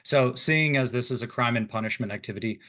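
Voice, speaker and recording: A man's voice: mid-range voice, quick pace, pushed and bright. A man leading an online teacher workshop, talking casually and addressing the group directly over a video call mic. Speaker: instructor leading a workshop session.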